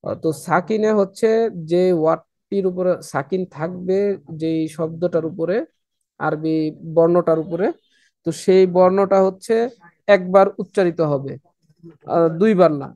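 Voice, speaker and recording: A man teaching Quran reading in an online lesson, pausing often with filler sounds and drilling syllables slowly. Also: high voice, fairly even intonation, darkish tone, no echo.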